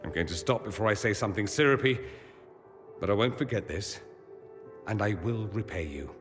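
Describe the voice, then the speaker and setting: Dorian, a man as a low-voiced, sardonic mage. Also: expressive, fairly quick, over music, close to an everyday voice. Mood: wry. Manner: arch, sardonic, theatrical. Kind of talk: video game voice acting.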